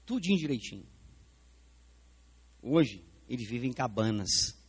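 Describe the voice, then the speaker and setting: Husky and unhurried, this medium-pitched man preaches with a Brazilian Portuguese accent in a church sanctuary. His manner is animated as he stages a live demonstration and questions the people in the pews directly.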